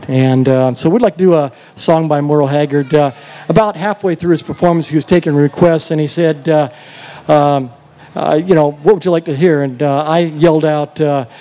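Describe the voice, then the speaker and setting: A male country singer chatting with the crowd between songs on an outdoor festival stage, telling a story in a rambling, easygoing way into a stage mic. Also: fairly high pitch. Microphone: stage vocal mic. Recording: live stage sound with loud band. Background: loud live band music.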